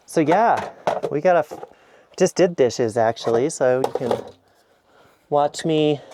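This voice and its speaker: A man with a slightly high voice vlogs a casual tour of his camper van kitchen, filmed on an action camera against a noisy background. He's chatty, rambling, and self-deprecating as he walks through it.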